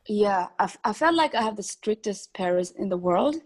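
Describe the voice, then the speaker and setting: A young woman from Switzerland, a singer, answering interview questions casually with many pauses and little laughs. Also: medium pitch, lively intonation, rough recording. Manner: hesitant, many ums, laughs between thoughts. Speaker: singer, podcast guest.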